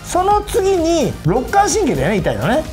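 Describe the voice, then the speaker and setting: A man stretch trainer runs a hands-on session in a treatment studio, joking and coaching as he goes. His voice swings up and down with lively pitch. Background music plays clearly beneath him. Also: moderate pace.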